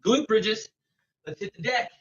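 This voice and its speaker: A man's voice: high voice, measured pace, a bit bright. A man coaching a live online workout like an aerobics instructor, counting out reps and calling cues with encouragement while exercising along. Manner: switches between English and French. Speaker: fitness coach leading a bodyweight warm-up class. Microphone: away from the mouth, at a distance. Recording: distant, dull microphone.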